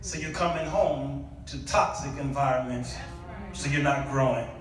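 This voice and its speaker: Indoors at a church, a guest preacher speaks at a medium pitch and normal speed, alternating conversational storytelling with emphatic exclamation during an animated call-and-response sermon. The sound is echoey and distant, with faint noise.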